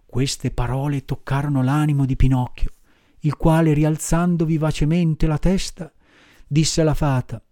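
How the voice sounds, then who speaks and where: A man narrating a classic children's tale as an audiobook, with an expressive storytelling delivery. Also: on the high side, normal speed, no echo, clean studio sound.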